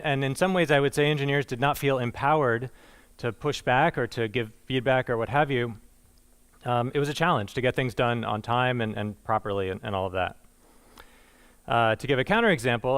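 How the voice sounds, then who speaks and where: A man's voice: mid-range voice, fairly bright tone, clean tone. A man giving a conversational conference presentation, with frequent fillers and restarts and a dry, self-deprecating humor. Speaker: conference speaker.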